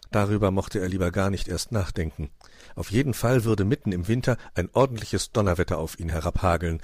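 A man narrating a children's story in a lively, expressive way. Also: low voice, dry recording, clean studio sound.

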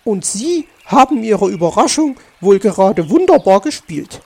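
A man doing a shrill cheeky magpie lady. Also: very animated, moderate pace, creaky, husky, full character voice. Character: sharp-tongued female magpie. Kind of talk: children's audiobook.

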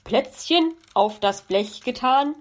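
A woman's voice: sits high, expressive, slow pace, pitched above the performer's own voice. A woman voicing a genial, polite male fox baking cookies in a children's audiobook. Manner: courteous, amused and warm.

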